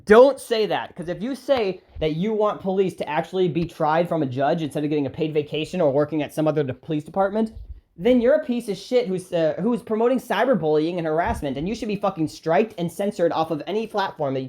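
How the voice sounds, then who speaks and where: A man's voice: on the high side, fast, a little mellow. A man angrily ranting to his viewers as a YouTuber, swearing heavily and firing off sarcastic rhetorical questions. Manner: heated, profane, repeatedly swearing. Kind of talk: angry vlog rant to camera.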